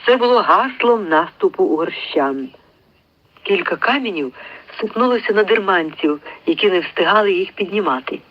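A man's voice: sits high, moderate pace, lo-fi sound. A man reading a literary story aloud as an audiobook, telling it expressively and raising his voice for the characters' lines. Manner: lively storytelling that shifts into raised voices for the characters. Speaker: audiobook reader.

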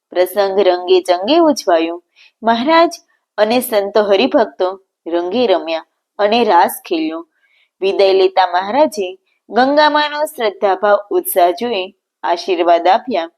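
A woman telling a devotional story as scripted narration, in a measured, reverent recitation. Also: mid-range voice.

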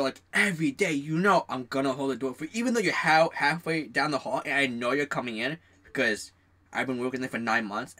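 Young male co-host, bright voice, animated rants about work, slips into quoted voices. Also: mid-range voice. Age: young adult. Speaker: podcast co-host. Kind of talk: casual chat.

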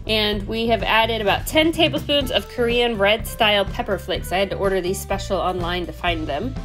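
With music playing in the background, a woman in her thirties who hosts a homesteading channel walks through a recipe in her home kitchen, chatting as she explains each step. She speaks at a moderate pace in a mid-range voice, in a casual voice-over style.

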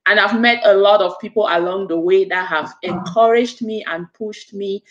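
A woman in her forties from Cameroon, who works as a business coach and author, gives an earnest, motivational account of herself as a guest on a video call. The webcam captures her mid-range voice at a moderate pace in an echoey room, and the audio is dull.

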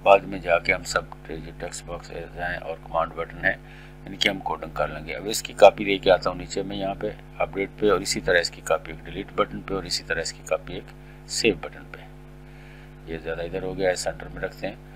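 A middle-aged man explaining a screen-recorded coding tutorial step by step, in a polite, steady way. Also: low-pitched, normal speed, a little hiss or hum, poor audio. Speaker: tutorial instructor.

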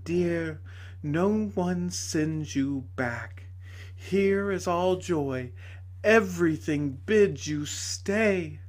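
A man reading aloud voices a kind, joyful woman who pleads softly and earnestly. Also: high-pitched, a little slow, voice pushed up. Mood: tender. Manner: soft, earnest, urgent pleading. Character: gentle, joyful heavenly lady, pleading.

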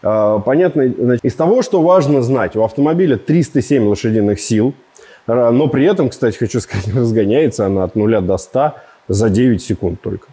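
A man's voice: medium pitch, fairly quick. Joking man reviewing a car. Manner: joking, rambling, animated with gestures.

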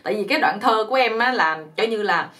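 A woman's voice: mid-range voice, lively intonation, fast talker, pushed and bright. A woman, the host of her channel, telling a humorous folk poem in a chatty, exclamatory way. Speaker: channel host, joke teller.

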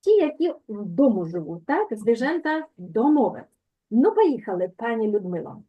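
A woman teaching a language lesson over a video call, patiently repeating words slowly to correct pronunciation. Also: on the high side, big pitch swings, husky, highs cut off.

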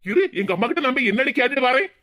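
Woman playing a quick-talking soft-hearted husband. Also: high voice, animated. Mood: placating. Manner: placating, soothing. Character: mild-mannered young village husband. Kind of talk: cartoon voice acting.

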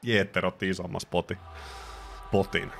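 Excitable man calling a wrestling game. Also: deep voice, vocal fry, soft background music. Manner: excitable, jokey, exclaims loudly at surprises. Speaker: wrestling game commentator and streamer. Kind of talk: playful play-by-play game commentary.

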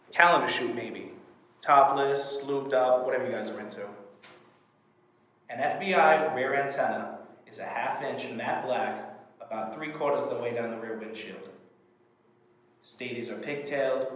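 A man's voice: medium pitch, a bit bright, close to an everyday voice. Young guy acting cocky crook getting questioned, sarcastic, not bothered, super echoey bare room. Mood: mocking. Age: young adult. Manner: sarcastic, taunting, nonchalant. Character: cocky, unfazed male robbery suspect under interrogation. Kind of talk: acted film scene. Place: small indoor concrete-block room.

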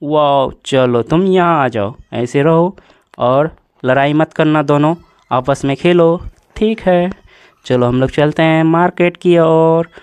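Excitable man narrating toy play. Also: fairly high pitch, takes it slowly, clear, resonant tone, no echo. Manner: exclaims often, talks to the toys. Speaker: toy channel host.

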